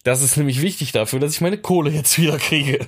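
Joking podcast guy, voice on the high side, jumps all over in pitch, casual banter. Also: quick pace. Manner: jokey, slips into put-on voices and dialects. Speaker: podcast co-host. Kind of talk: casual chat.

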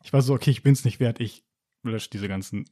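A young man recounts a personal story in relaxed, slangy talk. His voice is mellow and sits in an ordinary middle register. He acts out the voices of the people in his story and laughs often. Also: mid-range voice, brisk. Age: young adult. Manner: animated storytelling, acting out quoted lines. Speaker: guest telling a personal story. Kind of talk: casual chat.

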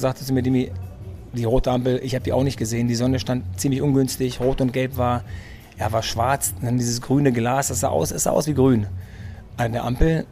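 A man's voice: mid-range voice, gravelly, warm tone. A man, a sports physician, chatting as an interview guest in a restaurant, telling his story and often repeating words while he searches for phrasing. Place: restaurant in Munich.

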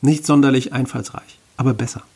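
A man voicing an ancient, winged, three-headed beast that speaks in a dry, mocking, unhurried way, with a husky voice. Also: mid-range voice, steady tone, darkish tone.

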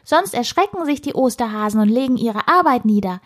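A woman voicing a cheeky little male squirrel with a squeaky, piping voice, teasing and lecturing in a storybook. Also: lively intonation, brisk. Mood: stern. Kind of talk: storybook narration.

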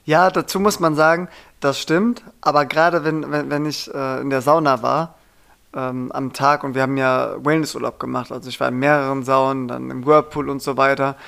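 A young man co-hosting a podcast, talking in a relaxed and hesitant way, often restarting his sentences. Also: medium pitch, normal speed, gravelly, smooth. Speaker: podcast co-host. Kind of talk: casual chat.

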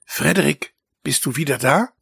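A man voicing a clever female house cat in a storybook, speaking softly and calmly. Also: a little high, moderate pace, vocal fry, husky, no echo, clean studio sound, full character voice. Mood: whispering.

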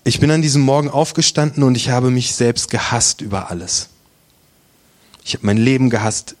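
Guy preaching his testimony, earnest and quiet, sometimes almost whispering. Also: medium pitch, steady tone, moderate pace. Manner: earnest, intimate, drops to near-whispers. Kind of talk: testimony sermon.

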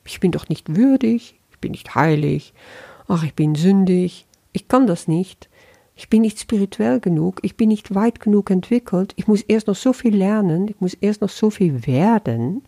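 A speaker voicing the ego as an inner voice that first whines with self-doubt, then coaxes and flatters. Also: mid-range voice, normal speed, vocal fry, dry recording, pitched above the performer's own voice. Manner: whiny self-doubt turning to coaxing flattery.

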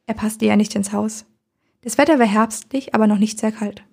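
A woman reading a first-person story aloud in a calm, measured storytelling manner. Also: medium pitch, vocal fry, husky. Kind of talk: first-person audiobook narration.

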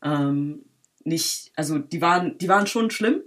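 A young adult woman from Berlin, a filmmaker guest in a casual interview, talking in a lively way with frequent laughs and fillers. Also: sits low, a little slow. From Berlin, Germany.

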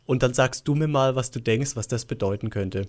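A man in his forties co-hosting a casual podcast chat, explaining things slowly with amusement and laughing often. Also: medium pitch, darkish tone. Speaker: podcast co-host.

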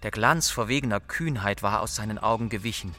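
A man reading a story aloud in measured, serious scripted narration. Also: lowish voice, pushed and bright, soft background music. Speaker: audiobook narrator.

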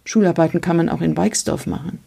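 A kindly older doctor speaks in a calm, reassuring way, as a woman reads his lines. The voice is gravelly and a little husky, with a dark, mellow tone. It is an audiobook-style storybook reading. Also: fairly low pitch, fast, exaggerated voice.

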